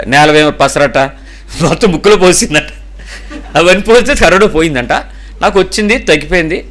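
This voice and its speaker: Male pastor, high bright voice, lively sermon delivery with voiced-out quotes. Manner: animated preaching, acts out quoted people in shifting voices.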